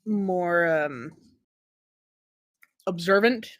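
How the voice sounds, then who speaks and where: A game master narrating a tabletop game in a halting, improvised way, stumbling over words. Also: mid-range voice.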